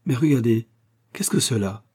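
A man's voice: medium pitch, lively intonation, moderate pace, a little mellow, breathy edge. Male reader as an agitated young student, pleading, storybook reading. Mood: urgent.

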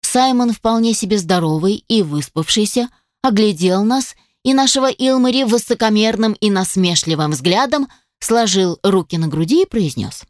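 Expressive woman narrating a fantasy audiobook. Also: mid-range voice, normal speed, dry recording. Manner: expressive, lively, voicing many characters. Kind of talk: first-person audiobook narration. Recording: dry close voice.

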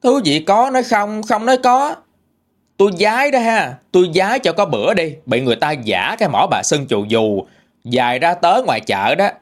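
A man's voice: high-pitched, expressive, normal speed, pitched above the performer's own voice. A man voicing an angry husband who scolds and threatens his sister-in-law. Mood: angry threats.

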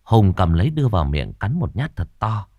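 A man narrating a horror story with suspenseful, expressive delivery. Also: on the low side, a little fast, dry recording. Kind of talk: dramatic horror story reading.

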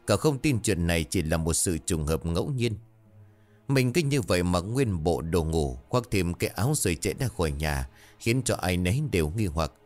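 A man narrating a ghost story in a steady storytelling manner. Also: deep voice, moderate pace. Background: faint music.

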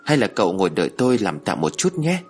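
A man voicing a young wife in a narrated story, soft and earnest but quick to answer back. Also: fairly low pitch, sing-song, breathy edge, soft background music. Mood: worried.

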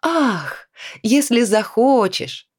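A woman's voice: a little high, big pitch swings, very slow, darkish tone, slightly rough, voice pushed up, full character voice. A woman reading a storybook voices an adult woman who scolds and then coaxes her friend. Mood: scolding.

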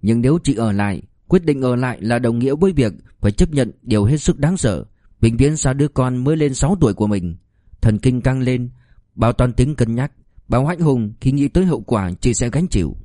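This is a male audiobook narrator with a medium-pitched voice and a measured, expressive delivery. It has studio quality and no audible room sound.

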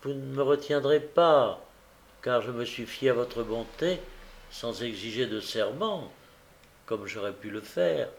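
A man's voice: mid-range voice, unhurried, vocal fry. A man reading the part of a desperate, remorseful young woman who pleads through tears, in a fervent, anguished way.

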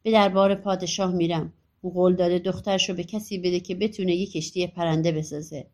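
A woman's voice: on the low side, fairly even intonation, a little mellow, close to an everyday voice. A woman voicing a simple, earnest young peasant lad in a storybook audiobook.

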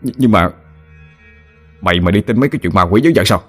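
A man's voice: on the low side, lively intonation, quick pace, slightly rough, faint music behind. A male narrator voicing a brutal, hot-tempered young bridegroom who scolds harshly. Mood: angry.

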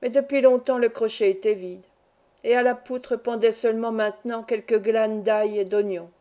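A woman reading a classic novel aloud as an audiobook, in steady, measured storytelling. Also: a little high. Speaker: audiobook reader. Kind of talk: scripted narration of a novel.

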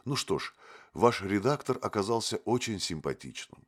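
A man voicing a naive, fawning young male poet who talks in a gushing, drawn-out way. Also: fairly low pitch, lively intonation, husky, pitched above the performer's own voice. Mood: eager.

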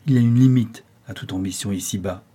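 A man's voice: lowish voice, fast talker, dark tone, slightly rough. A man voicing an earnest young man who firmly reasons with his uncle in an audiobook. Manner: firm, reasoned pleading.

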